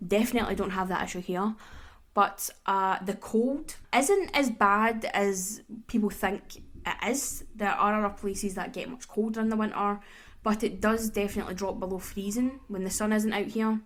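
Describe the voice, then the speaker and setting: A woman's voice: mid-range voice, steady tone, normal speed. A woman with a Glaswegian Scottish accent, hosting her podcast in a casual, rambling chat full of "kinda" and "like". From Glasgow, Scotland. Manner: chatty and rambling, with many "kinda" and "like" fillers. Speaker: podcast host.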